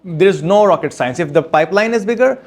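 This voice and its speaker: Speaking as an author at a book launch, a man whose voice sits high and has lively intonation answers questions from an audience in an event room. His replies come haltingly, step by step, with many restarts.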